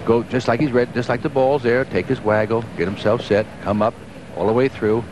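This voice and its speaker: A man's voice: medium pitch, steady tone, fairly quick, dull audio. A man working as a golf analyst, explaining technique step by step in conversational live commentary on a 1980s broadcast. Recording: noisy 1980s television broadcast.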